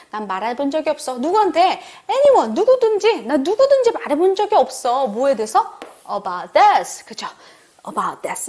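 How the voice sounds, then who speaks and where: A woman whose first language is Korean leads an online English lesson. Her voice sits high and moves all over the place. She jumps between quick, animated explanations full of rhetorical questions and slow, emphatic English sentences meant for repetition. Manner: modeling English sentences slowly and emphatically for learners to repeat. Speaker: English teacher.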